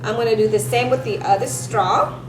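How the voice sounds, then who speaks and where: A woman giving a step-by-step craft lesson for children, speaking like a bright kids' presenter and teacher. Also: on the high side, fairly even intonation, moderate pace. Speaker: elementary science teacher presenting a craft tutorial. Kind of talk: step-by-step instructional demonstration for children. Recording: roomy echo with music behind.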